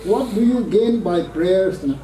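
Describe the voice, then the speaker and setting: A man preaching a sermon at a prayer meeting, measured and slow, with English words slipped in. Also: high voice, lively intonation, mellow, some chatter behind, a little hiss or hum. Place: prayer gathering hall. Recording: echoey hall, voice from a distance.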